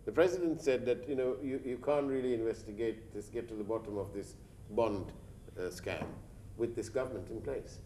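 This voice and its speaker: A man's voice: medium pitch, normal speed, warm tone, a little hiss or hum. A man hosting a studio news interview, pressing his guest with challenging follow-up questions while he is losing his voice and coughing.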